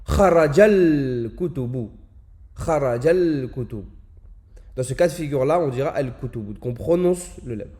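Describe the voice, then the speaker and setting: Calm guy teaching arabic, mellow low-key voice, says words slow and repeats them. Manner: patient, repeats words slowly and stresses sounds. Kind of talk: explaining a lesson, slow demonstrations of words.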